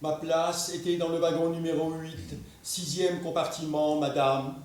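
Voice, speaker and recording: Stiff polite gentleman played by a man, slow and level-toned, heard far off in a very echoey room. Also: on the high side, little pitch movement, close to an everyday voice. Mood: formal, wondering. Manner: slow, ceremonious, repetitive politeness. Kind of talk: stage play performance. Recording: echoey room, miked from afar.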